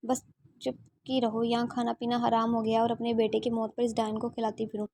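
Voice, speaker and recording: A woman voicing a grieving middle-aged aunt who shouts bitter, spiteful insults. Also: on the high side, completely flat delivery, brisk, no echo. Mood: furious.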